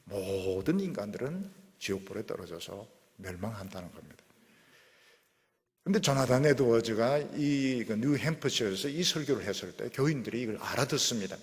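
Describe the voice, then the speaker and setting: A male pastor delivers a sermon in a lively, animated voice, leaping high on key words and sinking low and quiet on others. His voice rings with a long reverb, as if it fills a church sanctuary. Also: moderate pace.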